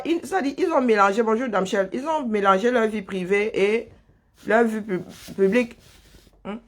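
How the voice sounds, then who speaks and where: Live stream host, man from Cameroon, high-pitched, sarcastic, laughs a lot. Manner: greets viewers by name between political rants. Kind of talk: casual live stream commentary.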